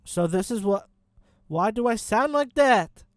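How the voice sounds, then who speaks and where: A man's voice: sits high, expressive, unhurried, dry recording, clean studio sound. A man hosting a casual music tutorial, his voice run through a bit-crusher that fuzzes and distorts it, talking in a joking, swearing, rambling way. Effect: bit-crushed fuzz distortion on the voice. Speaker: music production tutorial host. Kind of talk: casual screen-recorded tutorial.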